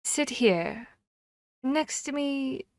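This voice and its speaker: In an ASMR roleplay, a woman voices a harpy seeking a human mate, commanding yet courteous and bashful. She speaks formally and deliberately with hesitant pauses in a high, animated, heavily acted voice, gentle and reassuring, with no room sound.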